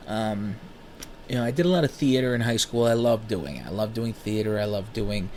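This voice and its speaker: A man in his thirties, smoking while he talks, telling rambling personal stories in a casual, animated way and swearing freely. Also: fairly low pitch, fairly quick, slight background noise. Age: 30s. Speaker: vlogger.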